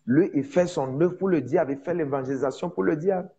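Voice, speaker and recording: Man, preacher, foreign accent in non-native French, husky soft-edged voice, halting, emphatic, lo-fi sound. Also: a little high. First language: not French, speaks it as a second language. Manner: emphatic repetition, halting word searches. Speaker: preacher, prophet. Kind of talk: informal evangelistic teaching.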